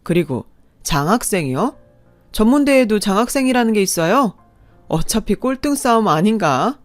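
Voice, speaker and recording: A woman's voice: mid-range voice, big pitch swings, normal speed, no echo, soft background music, close to an everyday voice. A woman voicing a smug, condescending young brother-in-law with a sneering, mock-polite way of talking.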